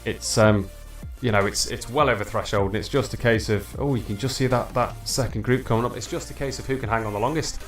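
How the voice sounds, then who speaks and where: A man's voice: medium pitch, fairly quick, hardly any pauses, faint music behind. A man hosting a livestream, commentating a virtual bike race in a chatty way and talking to viewers. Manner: excitable, shouts at the finish, chatty with viewers.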